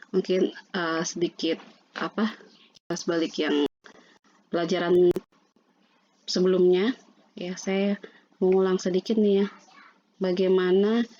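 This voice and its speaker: A woman teaching Quran reading. She slowly drills syllables and repeats them, with many fillers. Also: mid-range voice, mellow, slight background noise. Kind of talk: pronunciation lesson with drills. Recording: dull lo-fi sound.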